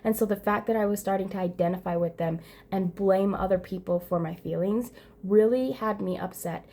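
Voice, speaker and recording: A woman's voice: medium pitch, moderate pace, vocal fry, dark tone. A woman giving an earnest, emphatic self-help monologue, often repeating phrases and restarting her sentences. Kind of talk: motivational monologue to camera.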